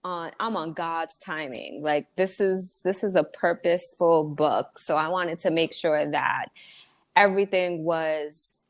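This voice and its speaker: A Dominican woman, an author and entrepreneur appearing as a guest, speaks in a low voice at a measured pace. Her casual interview talk is earnest, with a motivational push behind it.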